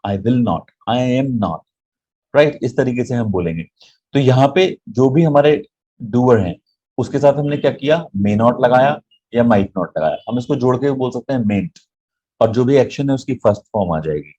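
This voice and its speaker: A man's voice: mid-range voice, mellow, slightly rough, highs cut off. Man teaching English in Hindi. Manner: explains in Hindi mixed with English, often checking with "right?". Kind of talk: online grammar lesson.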